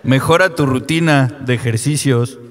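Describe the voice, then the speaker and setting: A man roasting fellow comics with quick deadpan insults. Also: mid-range voice, very noisy. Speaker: roast comedian. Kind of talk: comedy roast jokes. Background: audience.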